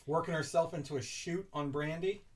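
Very low-voiced woman, dry wisecracks. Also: fairly quick, distant mic. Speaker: podcast co-host. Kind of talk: casual chat.

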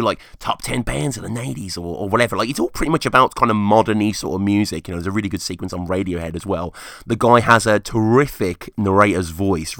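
A man hosting a music podcast solo, rambling casually and enthusiastically in a rusty, croaky, hungover voice. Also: fairly low pitch, a bit bright, dry recording, clean studio sound. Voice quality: rusty, hoarse voice. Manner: enthusiastic, informal.

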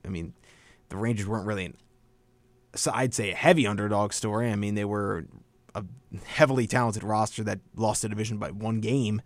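A man's voice: on the low side, dry recording. Young guy hosting college radio sports talk, laid-back, calls people man and dude, dead dry studio mic.

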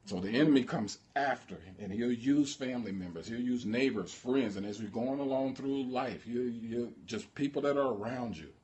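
A man's voice: medium pitch, normal speed, few pauses, a little mellow. A man preaching a sermon as pastor, impassioned and drawing call-and-response from the congregation.

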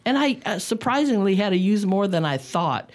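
A woman's voice: mid-range voice, sing-song, moderate pace. A woman talking as a guest cook on a radio show, chatty and rambling in casual conversation. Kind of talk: casual studio chat.

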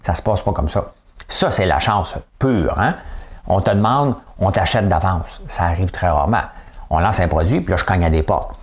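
Chatty Quebec French man, low voice. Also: lively intonation, moderate pace. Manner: chatty, asks for agreement. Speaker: vlogger. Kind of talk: casual monologue.

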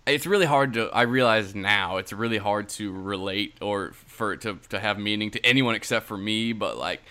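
A man's voice: lowish voice, bright, forceful tone, clean tone. A man co-hosting a podcast in casual banter, rambling with frequent restarts and laughs. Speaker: podcast co-host.

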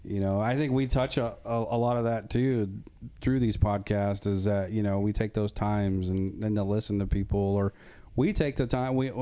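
A man co-hosting a church men's podcast, talking in a rambling, halting way with many fillers. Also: lowish voice, steady tone, dark tone, clean tone. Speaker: podcast co-host. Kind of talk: casual chat.

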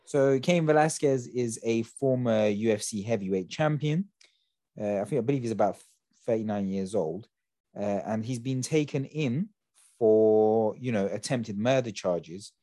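A man's voice: on the low side, unhurried, dark tone, dry recording. A young man, hosting a podcast in casual, slangy chat. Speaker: podcast host.

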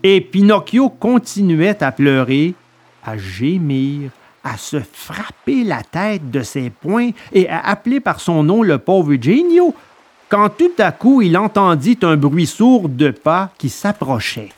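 A male narrator reading a classic children's tale aloud. His delivery is steady and expressive. His voice sits a touch above average pitch for a man. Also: takes it slowly.

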